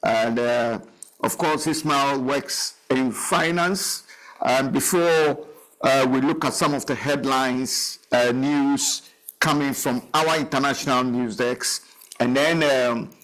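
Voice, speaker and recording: A man's voice: medium pitch, slow, fairly bright tone, low-quality recording. A man hosting a television talk show, interviewing a guest in a rambling, chatty way with frequent laughs. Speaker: TV show host.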